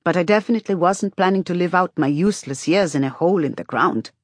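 A woman's voice: fairly low pitch, quick pace, dry recording, studio quality, lightly acted. A woman voicing a blunt, stubborn, teasing woman in audiobook dialogue, with a sardonic, needling manner.

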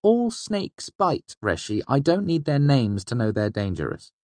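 A man reading an audiobook, voicing a quick, mischievous young male companion who speaks urgently. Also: mid-range voice, big pitch swings, a little mellow, dry recording, voice pushed up. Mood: matter-of-fact. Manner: quick, urgent, hissing when secretive.

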